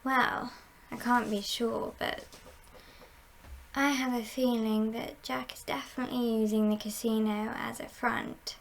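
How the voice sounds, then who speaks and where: A woman playing a confident, scheming female heist boss in an ASMR role-play, speaking in a measured, playful and conspiratorial way with a creaky voice. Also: on the high side, level tone, a little hiss or hum. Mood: conspiratorial, knowing.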